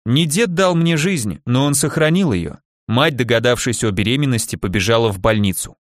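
Expressive male audiobook narrator. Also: mid-range voice, no echo, studio quality. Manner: expressive, measured storytelling. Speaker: audiobook reader. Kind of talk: scripted narration.

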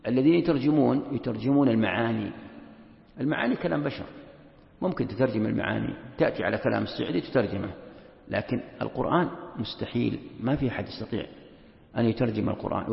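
A man's voice: mid-range voice, gravelly. A man, a sheikh teaching Quran commentary in a lecture, emphatic, repeating key phrases and asking rhetorical questions. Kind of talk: classroom lecture. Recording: echoey hall, dull lo-fi sound.

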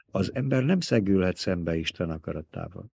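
Brief: man reading a young desert ruler, low-voiced, measured, commanding, dry close read. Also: creaky, husky, no room sound, heavily acted. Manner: measured, calmly dictating terms. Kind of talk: audiobook reading.

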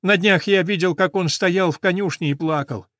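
A man voicing a small, anxious male sparrow in a storybook reading, with a high twittering voice. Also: moderate pace, fairly bright tone, dry recording, studio quality. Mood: gossipy.

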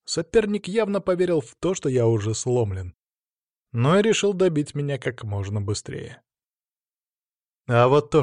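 A man's voice: medium pitch, a little mellow, no echo. Man narrating an audiobook, dry sound. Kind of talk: first-person audiobook narration.

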